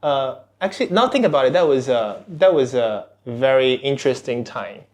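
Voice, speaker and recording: Animated and medium-pitched, this male tech executive talks at normal speed as a guest on a podcast interview. He is of Chinese cultural background, born outside Singapore, and frequently starts his phrases over in his casual speech.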